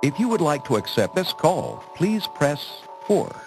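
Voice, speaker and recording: A man's voice: fairly high pitch, big pitch swings, measured pace, over loud music. A man's recorded voice giving an automated payphone collect-call announcement over a phone line, formal and clipped.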